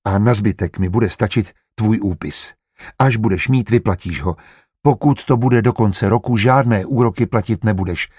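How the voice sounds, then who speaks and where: A man reading aloud voices a gentle, measured middle-aged estate official. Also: on the low side, husky, dry recording, studio quality.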